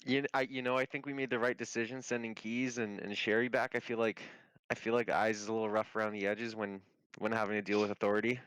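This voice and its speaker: A man's voice: on the low side, little pitch movement, quick pace, a bit bright, clean tone, no room sound, poor audio. A man playing his character in a tabletop game, talking loosely with many restarts and frequent swearing. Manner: stammering, restarts, swears freely. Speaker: player. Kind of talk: casual in-character game chat.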